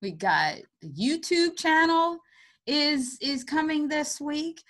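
Co-host, woman, high voice, giggly and enthusiastic. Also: expressive, takes it slowly, a bit bright. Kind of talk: casual chat.

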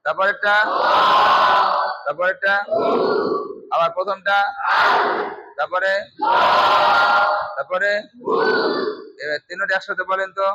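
A man's voice: sits high, steady tone, takes it slowly, pauses often, muffled recording, a loud crowd, heavy background noise. A man teaching Quran pronunciation in a mosque class, strictly drilling students call-and-response and scolding them.

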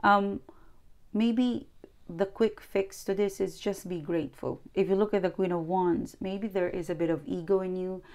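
Recorded indoors at a table, this woman, not a native English speaker and from outside New Zealand, offers a sincere tarot reading in a coaching tone, often repeating herself and starting over. Her medium-pitched voice has a darkish tone and a moderate pace.

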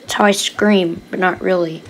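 A woman's voice: fairly low pitch, fairly even intonation, normal speed, rough recording. A woman giving chatty, giggly commentary over her gameplay, recorded afterwards.

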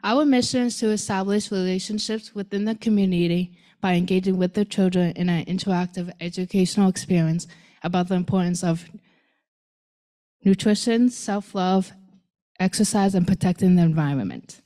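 A young woman from China giving a careful, deliberate student presentation on stage. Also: mid-range voice, dark tone. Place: auditorium stage.

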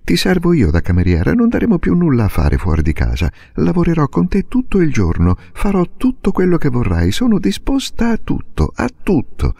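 A man's voice: on the high side, huge pitch swings, fairly quick, creaky, few pauses, warm tone, breathy edge, no echo, clean studio sound, pitched above the performer's own voice, heavily acted. An actor playing an earnest, determined young girl who pleads and insists, in a storybook reading. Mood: earnest pleading.

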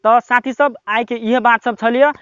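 A young man with a Maithili accent giving casual, rambling, encouraging advice to viewers, with lots of filler words, filmed by his brother in a quiet spot. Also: extremely high pitch, steady tone, normal speed, clear, resonant tone, dry recording, highs cut off. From Nepal. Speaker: YouTube tips vlogger. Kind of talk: casual motivational talk to camera.

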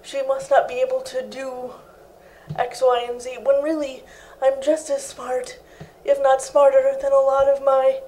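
A young woman with a high, mellow voice and a flat, even delivery, speaking earnestly as an interview guest. She is recorded indoors on a lapel mic. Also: measured pace, slight background noise, poor audio. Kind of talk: interview answers. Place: living room set indoors.

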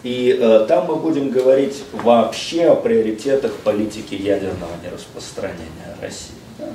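A middle-aged visiting lecturer whose first language is Russian sits at a table in a seminar room, giving a measured lecture with frequent hesitations and slipping into English phrases. His voice is lowish and warm. A distant room mic across the room picks him up, with echo and faint hiss.

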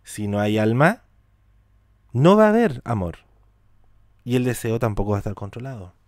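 A man's voice: medium pitch, sing-song, moderate pace, a little mellow, no echo, clean studio sound. Man giving a spiritual talk. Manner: repeats words for emphasis, asks rhetorical questions. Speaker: teacher of Hebrew mysticism.

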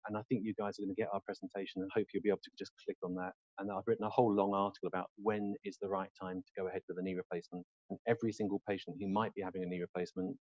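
A man's voice: low-pitched, no room sound, lo-fi sound. A middle-aged man, an orthopaedic surgeon, giving a live webinar lecture in a hospital lecture room. He is emphatic and opinionated, with rhetorical questions and blunt humour.

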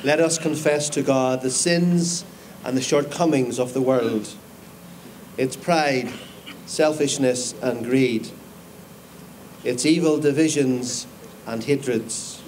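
A middle-aged man leads a liturgical prayer gravely and very slowly. His voice is medium in pitch, with faint open-air sound behind it. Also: steady tone, a little mellow, rough recording. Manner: grave, measured reading. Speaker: minister leading prayer. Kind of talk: formal liturgical confession. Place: outdoor memorial ceremony. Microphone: stand microphones. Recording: faint outdoor ambient noise.

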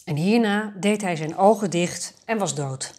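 A woman storyteller reads a fairy tale for adults aloud. Her delivery is calm and measured, at a middling pitch for a woman.

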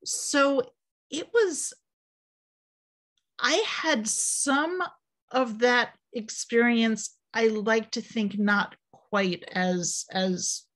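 Slow-talking older woman author on a video call. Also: on the high side, a bit bright. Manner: slow, thoughtful, with many pauses and fillers. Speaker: author and panel guest. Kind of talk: panel discussion on a video call. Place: home office. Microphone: video call webcam.

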